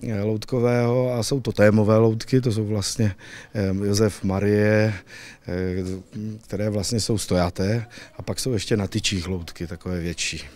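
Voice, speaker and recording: Man, thirties, slightly low voice, halting delivery, on-camera interview, puppet theatre director. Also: fairly even intonation, darkish tone. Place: indoors, on a theatre stage. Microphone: handheld interview microphone.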